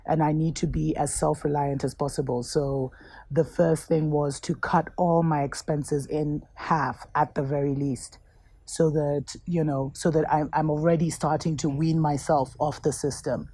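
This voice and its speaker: Woman host, slightly husky, earnest and unhurried, gently encouraging spiritual talk. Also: deep voice, steady tone, dry recording. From Kenya.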